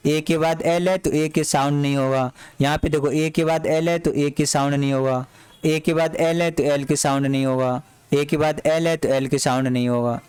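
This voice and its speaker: A man teaches a lesson in a high, smooth voice. He repeats each word again and again and asks his students to say it back. The sound is dry and close, with no room echo. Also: steady tone, normal speed, darkish tone. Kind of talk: classroom lesson.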